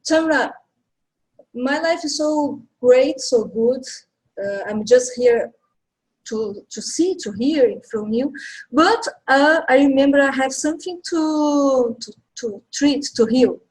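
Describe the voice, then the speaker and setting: Slow-talking Brazilian woman in her forties. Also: high-pitched, low-quality recording. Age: 40s. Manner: slow, halting, with soft laughs. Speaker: caller, healing instructor. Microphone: video call.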